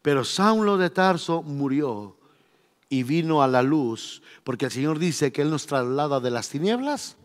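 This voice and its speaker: Preacher guy, high sharp voice, long church echo. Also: lively intonation, measured pace. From Mexico. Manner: storytelling, emphatic, acting out quotes. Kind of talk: sermon. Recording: long reverb of a church hall.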